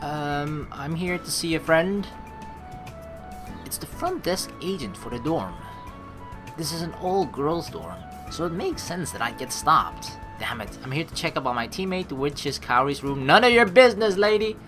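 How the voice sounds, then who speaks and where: A deep-voiced woman hosts a let's play, reading a visual novel aloud at normal speed over music. She is expressive, breaking off into casual, rambling asides and correcting herself as she goes.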